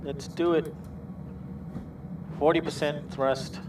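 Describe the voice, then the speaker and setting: A man's voice: on the high side, flat delivery, takes it slowly, far from the mic, background noise. A man flying a simulated airliner, calling out takeoff steps and radio calls like a pilot on a cockpit headset, in clipped phraseology with frequent hesitations.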